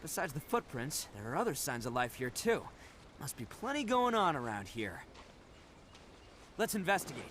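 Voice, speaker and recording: A man's voice: on the high side, sing-song, normal speed, long pauses, fairly bright tone, slight background noise. A man playing a brash, big-hearted young brawler in a video game, cocky, informal and exuberant. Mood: excited.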